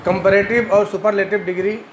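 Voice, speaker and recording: A man with an Indian Urdu accent lectures on grammar in a fairly high voice, going over each point twice and checking in with his students. The madrasa classroom rings with echo, and the recording sounds dull and muffled with a faint hiss under it. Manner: clears throat often. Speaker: Arabic grammar teacher.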